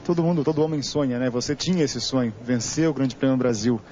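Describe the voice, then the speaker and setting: A male TV sports reporter with a Brazilian Portuguese accent, asking brisk leading questions. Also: mid-range voice, a little mellow. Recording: lo-fi archive TV audio with faint hiss.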